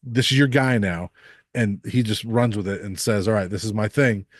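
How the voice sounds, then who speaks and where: Relaxed man hosting a sports podcast. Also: on the low side, dry recording, studio quality. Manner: relaxed, measured, many ums and uhs. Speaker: sports reporter and podcast host. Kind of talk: casual sports podcast chat.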